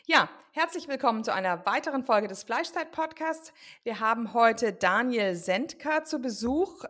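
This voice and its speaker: A woman hosting a podcast, introducing and interviewing a guest in a friendly way, often pausing to find her words. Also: fairly high pitch, animated, a bit bright. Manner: friendly and searching for words, with frequent pauses. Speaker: podcast host.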